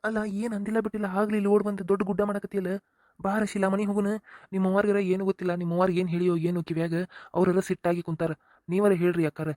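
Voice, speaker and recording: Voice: mid-range voice, level tone, very fast, a little mellow, dry recording, studio quality, close to an everyday voice. A performer voicing an exasperated young husband in a cartoon comedy, with a North Karnataka accent, lecturing and scolding. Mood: pleading. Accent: North Karnataka Kannada.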